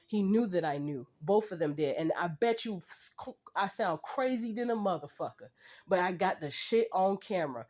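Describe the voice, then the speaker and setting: A woman's voice: fairly low pitch, darkish tone. A woman ranting to her vlog audience in a profane, heated, blunt way. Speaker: channel host. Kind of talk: angry personal rant vlog.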